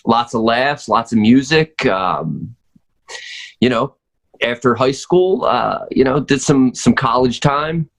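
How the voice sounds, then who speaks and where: A gravelly, medium-pitched man speaks slowly but with animation. He's an American in his forties from North Wales, Pennsylvania, chatting casually as a podcast guest, reminiscing in a hesitant, easygoing way.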